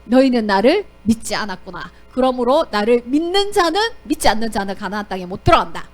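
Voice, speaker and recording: A woman's voice: fairly high pitch, sing-song, soft background music. A woman voicing God speaking to his people in a stern, reproachful way. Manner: reproachful, deliberate.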